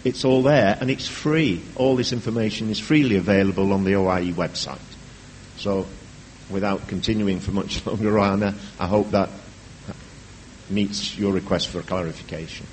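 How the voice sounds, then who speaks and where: A man with a lowish voice gives a firm, emphatic answer as an expert on a conference panel. His voice rings with a long hall reverb, and a faint hiss sits under the recording. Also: fairly even intonation, moderate pace, a little mellow. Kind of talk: answering a question at a panel discussion.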